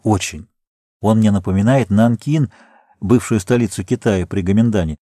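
A man reading aloud, voicing a calm, learned middle-aged geologist who explains things in a measured way. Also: on the low side, dry recording, clean studio sound, close to an everyday voice.

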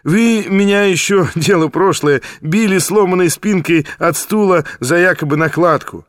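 A man voicing an effusive, sentimental former card sharp, raised and excited in tone. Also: high voice, normal speed, no room sound, studio quality, pitched above the performer's own voice, close to an everyday voice. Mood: effusive nostalgic.

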